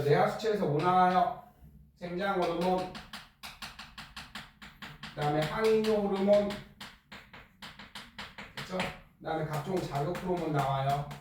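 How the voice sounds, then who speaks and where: A middle-aged male teacher lecturing a class in a joking, blunt way and firing quick questions at students. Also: fairly high pitch, darkish tone, a little hiss or hum. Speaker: middle school science teacher. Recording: echoey classroom from far off.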